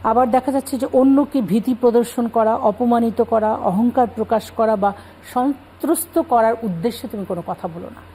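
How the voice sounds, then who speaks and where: Woman guest scholar, calm explanatory delivery, relaxed tone, light background hiss. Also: a little high, moderate pace, poor audio. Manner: calm explanatory, cites scripture. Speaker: religious guest speaker. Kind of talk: Islamic talk show explanation.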